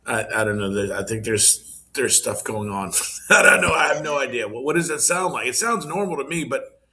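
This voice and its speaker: A man co-hosting a live morning show, puzzled and halting as he talks. His voice comes through echoey and distant, as if picked up by a second mic in the studio. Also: mid-range voice, lively intonation, pushed and bright. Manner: puzzled and halting, with repeated restarts. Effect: echoey, distant sound, as if picked up by a stray second mic. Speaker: morning show news co-host. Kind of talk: casual live-show banter.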